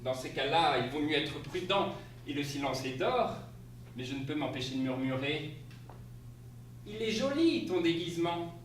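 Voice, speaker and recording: On a stage, an actor plays a flustered spouse recounting an absurd tale in a comic monologue, exclaiming and laughing through his lines with flustered amusement. His natural voice sits a little high with lively intonation, normal speed and long pauses. The mic is distant, the stage echoes, and there's a faint hiss.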